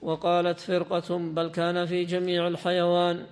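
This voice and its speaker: High chanting man reading aloud. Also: monotone, smooth. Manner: lilting, drawn-out chanting delivery. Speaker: student reader. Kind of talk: melodic reading of a classical text. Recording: long hall reverb.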